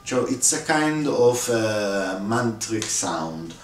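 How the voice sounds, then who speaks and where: Slow low-voiced man explaining a score. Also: very animated, faint music behind. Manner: demonstrates sounds with his own voice, many fillers. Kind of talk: instructional walkthrough. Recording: echoey room, voice from far off.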